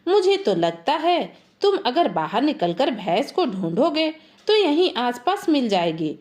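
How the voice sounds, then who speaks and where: A woman voicing a quick-tongued, teasing village wife who fires off questions. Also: sits high, sing-song, darkish tone. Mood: soothing. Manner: rapid-fire questions, sarcastic.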